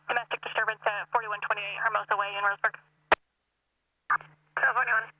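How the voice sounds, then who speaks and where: A woman's voice: medium pitch, level tone, fairly quick. A woman working as an emergency dispatcher, reading codes and addresses in a clipped, procedural way over the radio. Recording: tinny scanner radio, distant, hissy.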